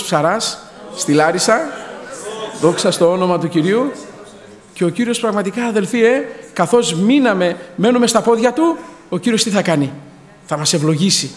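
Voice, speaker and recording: Man, 30s, high voice, fervent church testimony, reverberant hall. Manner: fervent, punctuated with hallelujahs and addresses to the brethren. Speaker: church member giving testimony.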